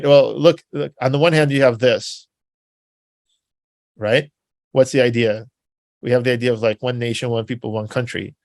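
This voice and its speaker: Gravelly man giving a rambling talk. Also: mid-range voice, no echo. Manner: rambling and conversational with many filler words and tag questions. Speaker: presenter. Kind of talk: informal spoken history talk.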